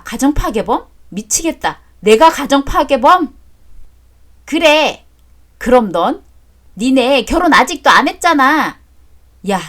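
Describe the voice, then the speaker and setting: High, animated woman in a radio drama. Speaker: narrator and voice actor.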